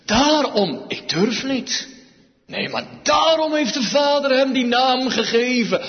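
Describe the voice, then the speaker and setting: A man preaching a sermon, slow and emphatic, his voice swinging widely in pitch and loudness. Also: expressive. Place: church. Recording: dull sound with long reverb, church hall.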